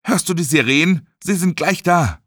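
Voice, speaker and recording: A man voicing a steady man who gives firm first-aid orders and calms his friend. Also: a little high, moderate pace, dry recording, clean studio sound, pitched above the performer's own voice. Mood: urgent. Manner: firm and commanding.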